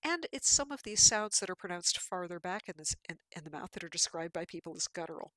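A woman's voice: on the low side, expressive, fast, sharp tone, no room sound. A woman giving a patient, explanatory lecture with slides, with fillers and restarts.

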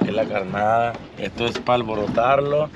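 A man in his thirties from Mexico with a Sinaloa accent, a local fisherman explaining his craft in a folksy, excitable way while working on a small boat at sea. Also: lowish voice, normal speed, lo-fi sound. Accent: Sinaloa Mexican Spanish. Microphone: action camera on the boat. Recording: loud wind and boat noise.

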